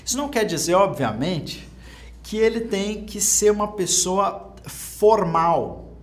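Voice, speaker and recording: A man's voice: high-pitched, animated, slow. Informal, earnest Brazilian preacher, a man. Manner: informal, earnest, emphatic with rising volume. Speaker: preacher and teacher. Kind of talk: Bible class sermon.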